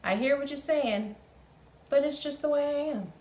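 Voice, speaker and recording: A woman voicing a glum, gloomy male fish who sulks, in a sing-song rhyming chant with low drawn-out blubs. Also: a little mellow, natural voice. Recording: roomy echo, faint background hum.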